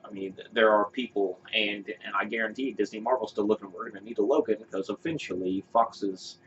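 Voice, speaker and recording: A man with a lowish voice co-hosts a casual podcast, rambling opinionatedly with plenty of fillers and restarts. The recording is dull and lo-fi with a faint hiss underneath. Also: steady tone, a little fast, fairly bright tone. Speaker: podcast co-host. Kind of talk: casual chat.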